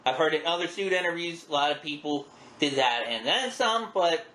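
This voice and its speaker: A man's voice: on the high side, lively intonation, normal speed, sharp tone. A middle-aged man hosting a podcast, chatting casually and reminiscing in a folksy, wry, self-deprecating way. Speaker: podcast host. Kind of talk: casual chat, reminiscing about wrestling. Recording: roomy echo with background noise.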